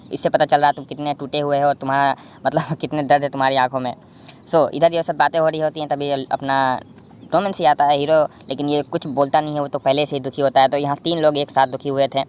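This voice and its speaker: Brisk, monotone recap narrator from India, chatty and self-correcting. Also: mid-range voice, a little hiss or hum. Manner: rambling, frequent self-corrections and fillers. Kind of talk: casual drama recap narration.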